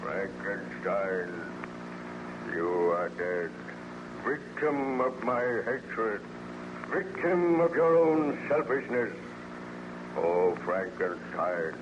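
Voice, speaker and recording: Frankenstein's monster, slow and anguished, old radio. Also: male voice, on the low side. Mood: mournful, anguished. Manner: declamatory, anguished, archaic formal speech. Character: wounded, remorseful, bitter monster mourning his creator. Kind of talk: 1930s radio acting. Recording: noisy, muffled old-time radio recording.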